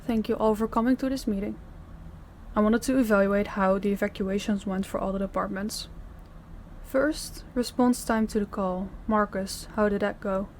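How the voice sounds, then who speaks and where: With a darkish, medium-pitched voice close to her everyday one, a woman acts out a stern crime boss directing her department heads. She keeps a steady tone and moderate pace, sounding commanding and businesslike in this scripted roleplay, with a little hiss or hum on the recording.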